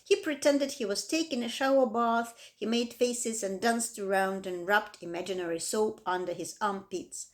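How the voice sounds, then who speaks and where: A woman reading a children's book aloud with expressive, dramatic emphasis. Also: mid-range voice, moderate pace, few pauses. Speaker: reader. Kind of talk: storybook read-aloud.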